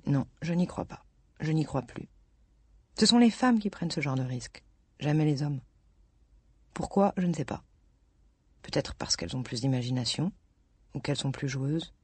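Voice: mid-range voice, a little mellow, breathy edge, no echo, lightly acted. A reader voicing a wistful woman in her thirties in love with a married man, in a rueful, self-mocking, confiding audiobook reading.

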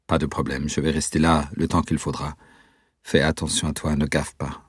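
Un homme lisant un jeune compagnon détendu et encourageant. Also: male voice, a bass voice, level tone, normal speed, breathy edge, no room sound, clean studio sound. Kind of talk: audiobook reading.

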